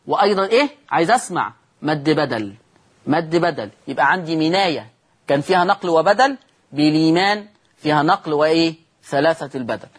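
On television, a man with an Egyptian Arabic accent teaches the rules of Quran recitation step by step, answering his own questions. His fairly high voice is animated and slightly rough, and he speaks at a quick pace.

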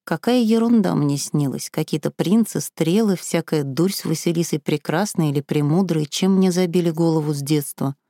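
A woman's voice: low-pitched, moderate pace, hardly any pauses, warm tone, no echo, clean studio sound. A woman reading a storybook and voicing a confused, indignant young woman. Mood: weak, dazed. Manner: bewildered, protesting.

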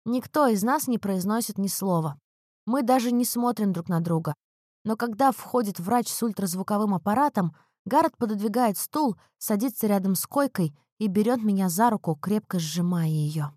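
A woman reading a first-person audiobook in an emotional, expressive way. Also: medium pitch, moderate pace, dry recording, clean studio sound. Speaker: narrator. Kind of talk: audiobook narration.

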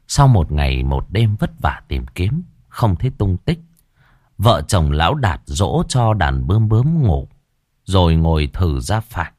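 A male storyteller with a deep voice narrates a horror tale, his pitch rising and falling in a lively, dramatic way. The recording is dry and close to the mic, with no room sound. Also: no room sound.

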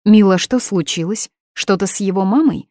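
A woman's voice: medium pitch, normal speed, darkish tone, dry recording, clean studio sound, voice pushed up, close to an everyday voice. A woman voicing an anxious, protective middle-aged mother who speaks in alarmed, insistent tones.

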